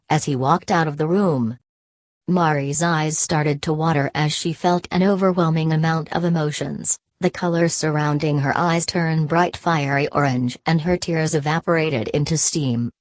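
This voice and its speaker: A woman reads a scripted superhero story as its narrator. Her voice sits low in pitch, and the recording is close and dry, with very little room sound. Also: no echo. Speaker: audiobook narrator.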